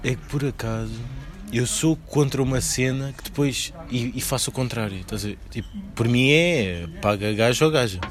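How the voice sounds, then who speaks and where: A man's voice: mid-range voice, moderate pace. A young man in casual chat, slangy and dropping in English words. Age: young adult.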